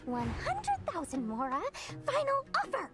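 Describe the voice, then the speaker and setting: A woman's voice: very high-pitched, huge pitch swings, a little slow, heavily acted. A woman voicing a small, shrewd, boastful female merchant in a video game, with haughty, theatrical salesmanship. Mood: haggling. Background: music.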